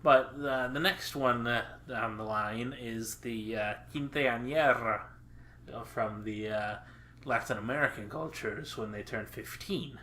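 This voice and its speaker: A man casually chatting on a podcast as co-host, halting with lots of filler pauses and dry, crude jokes. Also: medium pitch, sharp tone, slight background noise.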